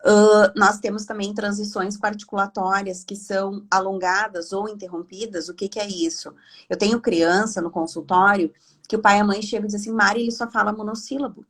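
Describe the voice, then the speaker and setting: Husky woman explaining chattily. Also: medium pitch, fairly even intonation, brisk. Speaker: speech therapist guest. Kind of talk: live online talk. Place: home. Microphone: video call.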